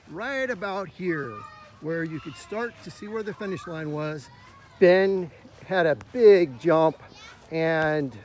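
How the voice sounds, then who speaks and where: A man whose voice is a little high gives a walking tour of a cross country course, coaching as he explains the route. The tone is instructive and upbeat, his breathing slightly labored, with faint outdoor noise from the park trail.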